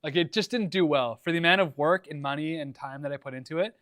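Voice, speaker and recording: A man's voice: a little high, fast talker, a bit bright, dry recording, studio quality. A young man hosting a casual livestream from his workshop, answering viewer questions in a laid-back, rambling way with lots of fillers. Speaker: livestream host. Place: home workshop.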